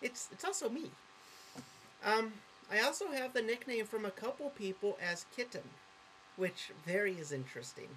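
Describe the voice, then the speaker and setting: A woman's voice: medium pitch, animated, moderate pace, fairly bright tone, slight background noise, rough recording. A woman talking casually to camera in a vlog monologue. She rambles, corrects herself often and gets sidetracked, with an earnest, openly affectionate manner. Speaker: vlogger.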